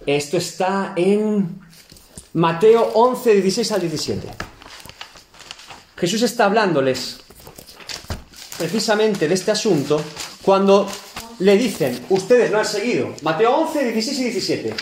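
Animated man teaching Bible class. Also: sits high, measured pace, pauses often, roomy sound, a little hiss or hum. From Galicia, Spain. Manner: animated, acts out scenes with rhetorical questions. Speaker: seminary teacher. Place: church classroom.

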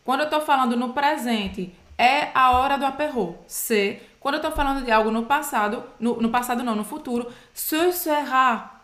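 A woman's voice: high-pitched, fairly quick, few pauses, a bit bright, roomy sound. A woman teaching French in a patient, explaining way, often checking in with her listeners. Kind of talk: explaining French lesson in Portuguese.

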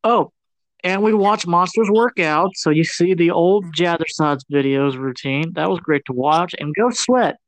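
A man's voice: a little high, unhurried, no echo. A man co-hosting a podcast, giving a casual, slangy movie recap and acting out the characters as he goes. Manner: slangy, animated storyteller who acts out characters. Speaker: podcast co-host.

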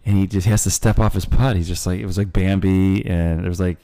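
A man's voice: sits low, fairly even intonation, fairly quick, dark tone, no echo, poor audio. A man co-hosting a casual chat, a teasing, chatty storyteller. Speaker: podcast co-host and golf dad.

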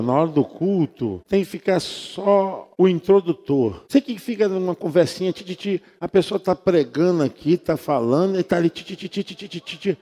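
A man's voice: sits high, a little mellow. A male pastor giving an informal church teaching to his congregation in a chatty way, now and then mimicking sounds with repeated syllables. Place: church sanctuary. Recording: reverberant church hall.

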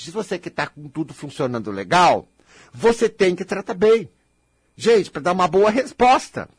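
A Brazilian man lectures with a sharply swinging, restless pitch that climbs high and dives low. His voice is husky and close, in a dry, dead room. He is blunt and provocative, scolding his audience like a tough-love coach. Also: dry recording. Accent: Brazilian Portuguese. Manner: mocks listeners' complaints in quick impressions. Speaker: self-help speaker.

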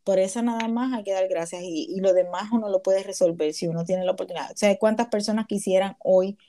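A woman's voice: mid-range voice, a little fast, warm tone. A woman hosting a casual talk about gratitude and faith, speaking earnestly with many restarts.

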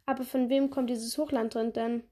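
A woman's voice: fairly high pitch, level tone, normal speed, warm tone, lightly acted. A woman voicing a sheepish middle-aged male teacher who mumbles meekly, read aloud from a storybook. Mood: puzzled. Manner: mumbling, meek.

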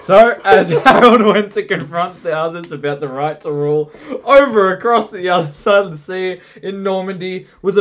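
A man with a fairly high voice narrates a comedic history story as host. He is playful and teasing, and stumbles over words now and then.

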